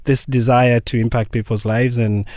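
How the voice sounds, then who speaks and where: A man speaks as a radio guest in a close, dry studio sound. His voice sits at a middle pitch, and he explains things in an earnest, patient way. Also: little pitch movement, moderate pace, darkish tone, no room sound. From Kenya. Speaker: guest, family nurse practitioner. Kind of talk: radio interview.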